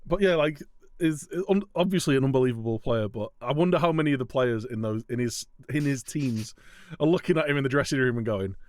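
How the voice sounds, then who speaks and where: A man's voice: medium pitch, a little fast, darkish tone, no room sound, clean studio sound. A young man co-hosting a casual football podcast, laughing often and slipping into mock quotes. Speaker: podcast co-host.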